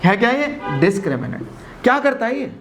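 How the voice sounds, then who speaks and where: A man's voice: very high voice, sing-song, a little fast, fairly bright tone, faint music behind. A male math teacher giving a classroom lecture, constantly asking his students questions and mixing Hindi with English.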